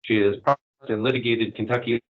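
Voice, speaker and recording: A man moderating an online panel, speaking haltingly with fillers, his voice breaking up over a bad video call connection. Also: mid-range voice, fairly even intonation, phone-quality sound. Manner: halting, with frequent fillers and restarts. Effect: choppy, breaking-up video call connection. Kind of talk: formal introductions at an online meeting.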